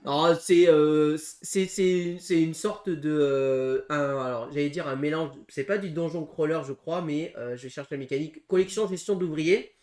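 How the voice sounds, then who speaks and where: A man co-hosting a casual board game preview, talking through game rules with frequent pauses and restarts. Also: fairly high pitch, a little mellow. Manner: hesitant, full of pauses and restarts while explaining rules. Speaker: board game channel co-host.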